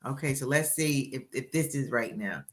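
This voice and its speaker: A woman in her sixties with a very deep, expressive voice hosts a livestream interview over a video call as a book coach. Speaking at a moderate pace, she's upbeat and encouraging and often repeats herself.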